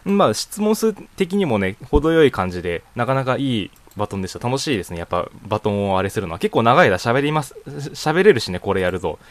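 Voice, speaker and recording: Speaking from a home room with no room sound, a young man of student age runs his own net radio show, casually answering a voice questionnaire by himself. His mid-range voice is sing-song and quick with few pauses, and he rambles, chuckling often and using plenty of fillers.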